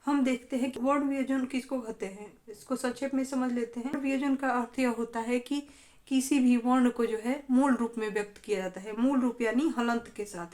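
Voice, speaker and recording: Female tutor with a high-pitched voice, calmly explaining answers in an exam-prep lesson. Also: normal speed. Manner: steady explaining, question and answer. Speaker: teacher.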